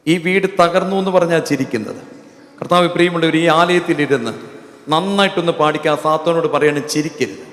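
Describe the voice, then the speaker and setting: A man's voice: a little high, a little fast, a bit bright. A man with a Malayali accent preaching at a church retreat. He asks the congregation questions, repeats the answers and leads them in singing a hymn. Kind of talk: sermon with call-and-response and hymn singing. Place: church hall. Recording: reverberant church hall.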